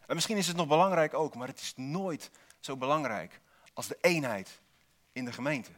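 A man's voice: on the high side, animated, normal speed. A man preaching a sermon in a church, posing rhetorical questions and repeating single key words for emphasis, with dry asides to the congregation.

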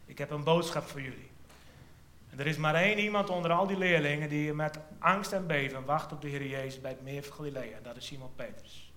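A man preaching a sermon, retelling a Bible passage in a storytelling way, his voice dropping to a hush and then lifting again. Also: fairly high pitch, a little fast. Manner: storytelling, drops to a hush then lifts for quoted lines. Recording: echoey room sound.

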